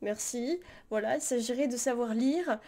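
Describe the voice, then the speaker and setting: A woman's voice: on the high side, normal speed, warm tone. A young woman live-streaming reaction commentary, talking casually and rambling, with many fillers and frequent laughs. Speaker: streamer reacting to parody videos.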